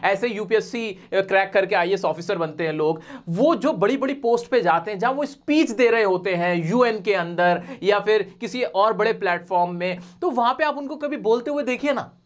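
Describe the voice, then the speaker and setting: A man teaching a spoken English video lesson. He talks earnestly and directly, keeps checking in by asking whether the viewer has understood, and slows down to model English words one by one. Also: high voice.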